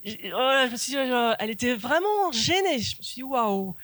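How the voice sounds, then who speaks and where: A woman's voice: a little high, expressive, normal speed, a bit bright, no echo. A woman pastor preaching a sermon in an earnest, emphatic way, repeating her key phrases. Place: church.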